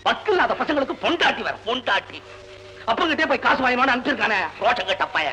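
A man's voice: quick pace, slight background noise, heavily acted, low-quality recording. A man playing a stern, proud father who scornfully disowns his daughter, in 1960s Tamil film acting. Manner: harsh, scornful, lively pitch.

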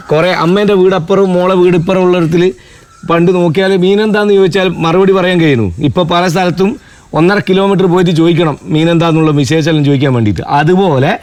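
A man with a Kozhikode Malayalam accent, calmly mediating a village quarrel and explaining at length. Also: high voice, no echo. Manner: calm, explaining at length, fast-talking. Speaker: local mediator settling a neighbour dispute. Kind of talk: Malabar village comedy serial acting.

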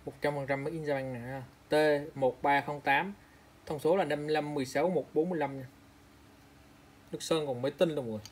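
A man's voice: on the high side, fast talker, a little hiss or hum. Chatty man showing off used frames. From Vietnam. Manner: chatty, repeats prices and specs, calls out to viewers. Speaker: online seller of used eyeglasses. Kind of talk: casual product showcase.

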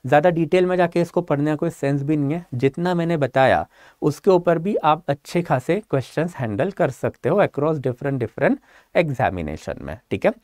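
A man's voice: on the high side, expressive, normal speed, a little mellow, dry recording, studio quality. A man teaching an online exam-prep lecture, explaining step by step and often checking that students follow. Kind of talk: online lecture mixing Hindi and English.

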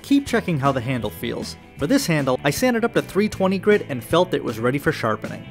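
A man's voice: a little high, very animated, fairly quick, creaky, faint music behind. A man with a nasal voice, hosting and narrating a step-by-step knife-making build, upbeat with jokey asides. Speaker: knife-making channel host.

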